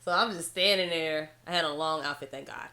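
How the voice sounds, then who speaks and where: Bright-voiced animated woman vlogger. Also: a little fast, a little hiss or hum. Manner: animated, laughs often, quotes herself in high excited voice. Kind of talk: casual storytelling to camera.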